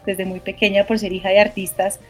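A woman from Colombia, a jazz singer and composer, answering interview questions thoughtfully with frequent restarts and pauses. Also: medium pitch, level tone. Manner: thoughtful, searching for words, many restarts.

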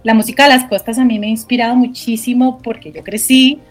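A woman from Colombia, a jazz singer and composer, answering interview questions thoughtfully with frequent restarts and pauses. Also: a little high, steady tone, faint music behind. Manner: thoughtful, searching for words, many restarts.

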